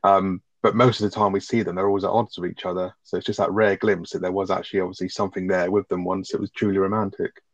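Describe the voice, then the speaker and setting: A man's voice: low-pitched, level tone, fast, hardly any pauses, no room sound. A man chatting casually about a TV episode, opinionated and swearing freely. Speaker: podcast co-host. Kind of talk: casual recap chat. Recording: dull, dry sound.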